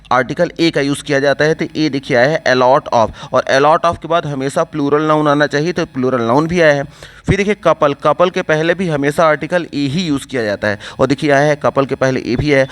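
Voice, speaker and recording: Man teaching English grammar. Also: fairly high pitch. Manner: explains step by step, asks and answers his own questions. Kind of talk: exam-prep lesson.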